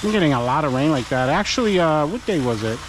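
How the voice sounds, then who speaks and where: This channel host, who owns a pressure washing business, has an animated voice on the high side and a quick pace. He chats and offers encouragement to viewers while washing a house, captured in a noisy outdoor recording.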